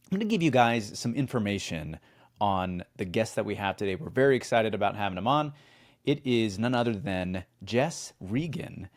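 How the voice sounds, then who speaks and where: A man's voice: lowish voice, darkish tone. A man co-hosting a podcast, chatting casually and then reading the show promo and guest introduction in an upbeat announcer manner. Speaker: podcast co-host.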